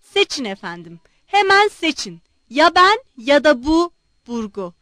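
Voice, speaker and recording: A blustering, pompous old general bellows his indignation in loud, heated bursts, as a woman reader puts him on. The voice sits high and carries a dry, close sound. Every line comes out as a roar. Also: animated, normal speed, no echo. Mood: furious. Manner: roaring, indignant outbursts.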